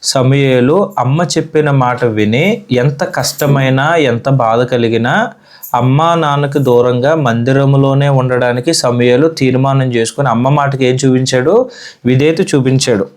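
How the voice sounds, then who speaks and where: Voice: mid-range voice, measured pace, darkish tone. A Sunday school teacher from India giving a children's Bible lesson in a church classroom, asking the children questions and repeating their answers.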